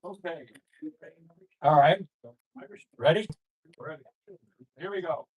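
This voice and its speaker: A man from Rochester, New York, emceeing a member dinner as association president, joking loudly and rallying the room. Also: on the high side, slow pace, husky, phone-quality sound. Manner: jokey, loud, rallying a room. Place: banquet hall at a dinner meeting.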